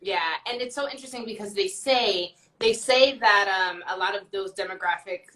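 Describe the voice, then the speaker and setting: A woman's voice: mid-range voice, normal speed, sharp tone. A young woman in casual conversation, blunt and profane, agreeing emphatically. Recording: roomy echo.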